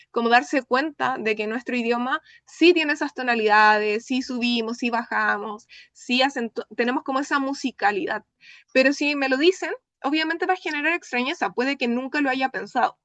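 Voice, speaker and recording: High-voiced young Chilean woman lecturing. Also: fairly quick, a bit bright, dry recording. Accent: Chilean Spanish. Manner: explanatory, checks in with the audience often. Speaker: lecturer presenting her research. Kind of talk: academic talk in an open class.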